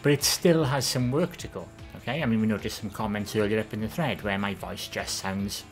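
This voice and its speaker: Answering viewer questions on her live stream, a woman from the Valleys in Wales talks a little fast, with faint music in the background. She has a soft, gentle voice of lower, less feminine tone, and her chatty rambling includes plenty of ums and restarts.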